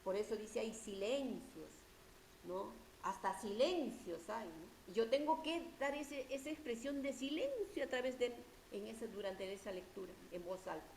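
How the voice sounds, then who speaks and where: A woman teacher lectures in a fairly high voice, explaining step by step and often tagging her points with a rhetorical question. The sound is echoey, with a faint hiss behind it. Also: lively intonation, a little slow, darkish tone. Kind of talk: university-level lecture.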